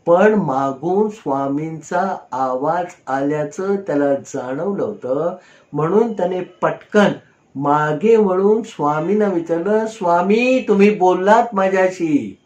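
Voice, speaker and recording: A man telling a folk tale at a very slow, measured pace, stopping to explain old words as he goes. His voice sits a little high for a man, and the recording has the hollow echo of a bare room. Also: a little mellow. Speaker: storyteller. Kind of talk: oral storytelling narration.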